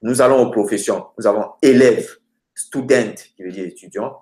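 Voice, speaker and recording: Man, language teacher, fairly low voice, hesitant with filler sounds, roomy echo. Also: dark tone. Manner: hesitant, many filler sounds, slows down for example words. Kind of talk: explaining grammar with word lists. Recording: roomy echoey room.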